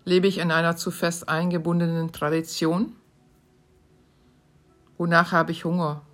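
A woman hosting her podcast, reading short questions aloud from her own book in a calm, measured way. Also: lowish voice. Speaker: podcast host.

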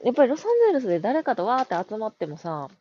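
A woman's voice: on the high side, very animated, racing, warm tone, lo-fi sound. A woman with a Kansai Japanese accent, co-hosting a podcast in casual, chatty talk, laughing often. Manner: chatty, laughs often, quotes others in a raised voice. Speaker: podcast co-host. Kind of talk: casual chat.

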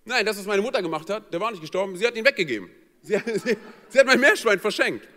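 A man's voice: high-pitched, fast. A man telling a funny personal story in a sermon, acting out the voices of the people in it. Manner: lively, joking, acts out quoted voices. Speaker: pastor. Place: church hall. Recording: long church hall reverb.

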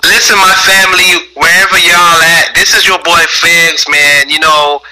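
A man's voice: fairly high pitch, steady tone, moderate pace, pushed and bright, low-quality recording. A man who is a guest musician in a casual interview, laid-back and slangy, speaking with encouragement.

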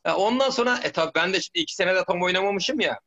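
A man's voice: high voice, animated, racing, sharp tone, muffled recording. A middle-aged man, a former footballer, telling stories in a rambling way, with many restarts and "tamam mı?" checks. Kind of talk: casual storytelling interview.

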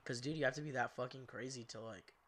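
A man's voice: medium pitch, fast, a bit bright, slight background noise. Congested young man in loose profane chat. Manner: profane, rambling, lots of fillers. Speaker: co-host. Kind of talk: casual podcast chat.

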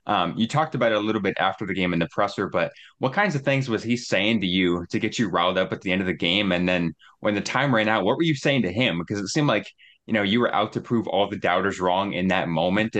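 A male sports reporter with a deep, low voice asks long, detailed questions. He speaks in a measured way, pausing and restarting now and then. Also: a bit bright.

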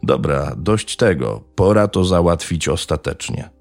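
A man's voice: sits low, lively intonation, a little slow, dry recording, faint music behind. A man voicing a coarse village man who curses and barks orders at others. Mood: harsh. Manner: gruff, cursing, giving orders.

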